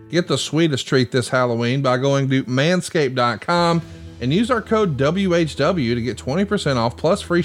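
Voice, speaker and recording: A man hosting a podcast, giving casual watch-along commentary and reading sponsor spots. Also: a little high. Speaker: podcast host.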